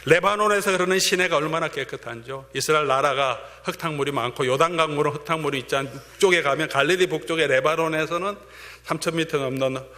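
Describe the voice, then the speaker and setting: A male pastor preaching a sermon, swinging between fervent emphasis and hushed whispers. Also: on the high side, quick pace. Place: church sanctuary. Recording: long church-hall reverb.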